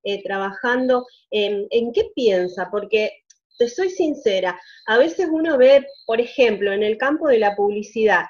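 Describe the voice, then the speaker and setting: A woman's voice: on the high side, dull audio. A woman hosting an interview, asking long, winding questions and nodding along with short "ujú"s. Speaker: interviewer, host. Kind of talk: conversational interview.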